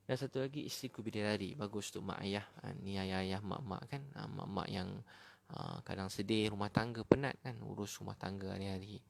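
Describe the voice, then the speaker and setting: A Malaysian man giving a casual, animated sermon as a preacher, talking directly to his listeners. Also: lowish voice, vocal fry. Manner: animated, chatty, addresses listeners as brothers and sisters. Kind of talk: casual sermon to an online audience.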